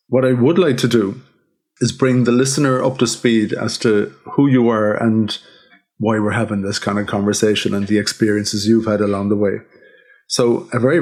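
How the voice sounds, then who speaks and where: A man hosting a podcast, introducing his guest in a relaxed, chatty way. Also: on the low side. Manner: relaxed, chatty, leading the conversation. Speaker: podcast host.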